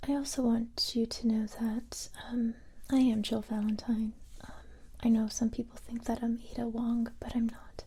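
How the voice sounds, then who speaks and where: In a soft-spoken ASMR roleplay, a woman plays a calm, confident special-forces police recruiter, whispering breathily in a gentle, unhurried, matter-of-fact way. Her voice is a little high and slightly rough, and the mood is calm and confiding.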